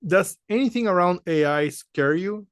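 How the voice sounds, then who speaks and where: A man hosts a podcast interview, his voice a little higher than usual for a man. The sound is dry and close, with no room around it, as he offers short replies and direct questions. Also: expressive, normal speed, no echo. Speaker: podcast host.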